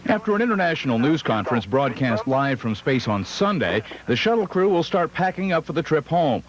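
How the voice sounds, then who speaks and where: A man's voice: a little high, sing-song, brisk. A man reading scripted television news narration as a correspondent. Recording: dull lo-fi archival TV audio.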